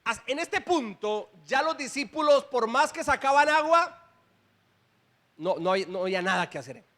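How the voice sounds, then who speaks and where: A man's voice: extremely high pitch, expressive, normal speed, sharp tone. A male pastor preaching a sermon in a church, reading scripture and addressing the congregation with rising emphatic bursts.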